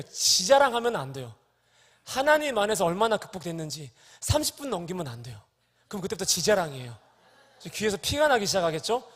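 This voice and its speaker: A middle-aged man with a fairly high voice preaches a sermon in a church sanctuary. He tells stories and acts out the dialogue, then pushes hard when he drives a point home. A long reverb trails each phrase. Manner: storytelling, quoting dialogue, rising to emphatic exhortation. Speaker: pastor.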